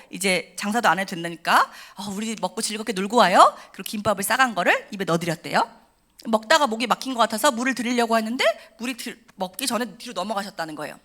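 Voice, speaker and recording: Lively fast-talking woman giving testimony. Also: medium pitch. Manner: animated storytelling, acting out quoted voices and shouting. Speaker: testimony speaker at a church service. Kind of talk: emotional personal testimony. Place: church sanctuary.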